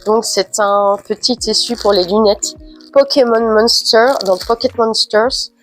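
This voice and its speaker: A woman's voice: on the high side, steady tone, unhurried, soft background music. A woman with a cold and a stuffy, nasal voice, chatting casually through an unboxing with frequent hesitant fillers. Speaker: unboxing vlogger.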